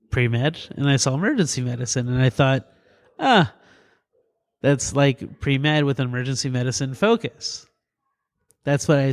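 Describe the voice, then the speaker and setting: A middle-aged man from New Jersey talks through his stories in a relaxed interview. His voice is of middling pitch, and he laughs often and leaps up in pitch for quoted lines. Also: gravelly. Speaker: guest, paramedic and EMS physician. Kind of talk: casual interview storytelling.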